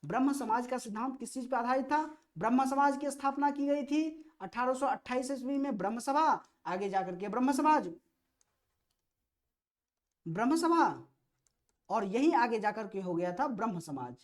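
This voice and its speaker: A woman with an Indian accent leads a quiz-style history lesson for exam prep, reading out questions and explaining the answers while emphatically repeating key phrases. Her fairly high voice is expressive and moves at a normal speed.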